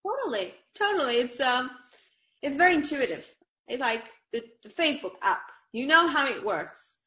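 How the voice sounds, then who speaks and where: With a high-pitched, sharp voice and big pitch swings, this woman talks at a moderate pace in a Bulgarian accent. An online community manager from Bulgaria, she's casual and bubbly in the interview, laughing often between fillers.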